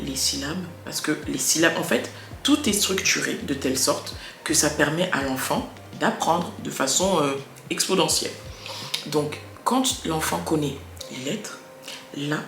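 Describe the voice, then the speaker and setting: A woman's voice: sits low, vocal fry. A mother chatting to camera with parenting tips, correcting herself as she goes and articulating with emphasis. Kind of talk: casual chat to camera. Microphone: wireless earbud. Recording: echoey room, faint background noise.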